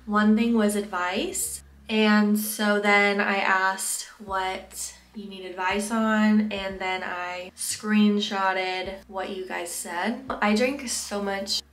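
A woman's voice: mid-range voice, steady tone, slow, fairly bright tone, roomy sound. A young woman chatting casually while doing her makeup, frank and full of fillers, a bit out of breath. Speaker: vlogger.

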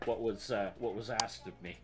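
A man's voice: lowish voice, steady tone, normal speed, crowd noise. A man streaming a ghost-hunting game with friends, joking and swearing freely in casual chat. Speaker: streamer playing blindfolded.

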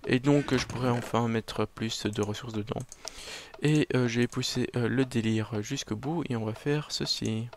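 A man talks through his game in a loose, joking way, muttering and mocking himself as he plays. His voice sits at an ordinary middle pitch. Faint keyboard clicks are heard behind him. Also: steady tone, normal speed, slight background noise. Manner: chatty, self-mocking, muttering to himself while playing. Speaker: let's play gamer. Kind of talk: casual game commentary.

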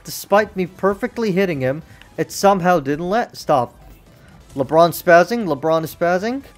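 A young man streaming a fighting game, cursing and yelling at his misses in casual commentary. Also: high-pitched, moderate pace. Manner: excitable, swears a lot, yells at misses. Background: faint game music.

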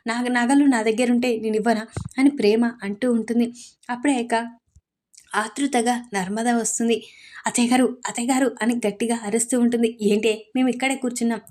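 A woman's voice: on the high side, darkish tone. A woman retelling a TV serial episode, telling the story steadily with many fillers and quoting each character's lines in turn. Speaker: serial recap narrator.

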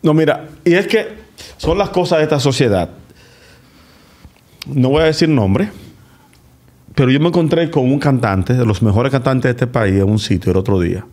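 A man's voice: mid-range voice, expressive, normal speed, pauses often, darkish tone. A man with a Dominican accent hosting a podcast in casual conversation. He tells anecdotes and drops jokes. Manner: joking anecdotal storyteller. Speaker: podcast host.

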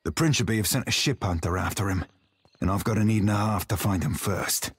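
Earnest husky pirate crewman. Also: lowish voice, fast talker. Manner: earnest, salty sailor talk. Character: loyal male pirate crewman confiding in his captain. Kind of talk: video game voice acting.

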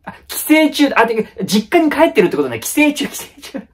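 A man performing a comedic solo skit, firing off quick, blunt retorts in rough casual speech. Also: extremely high pitch, very animated, a little hiss or hum. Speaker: comedy YouTuber.

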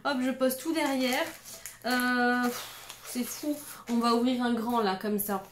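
A woman's voice: fairly high pitch, fairly even intonation, a little slow, roomy sound, noisy background. A woman in her thirties gushing through an unboxing vlog, full of oohs and exclamations. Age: 30s. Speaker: YouTuber.

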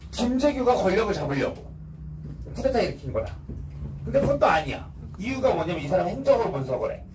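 A man's voice: sits high, very animated, quick pace, recorded from a distance, background noise. A man teaching a casual history lecture, blunt and slangy, stopping often to quiz his students.

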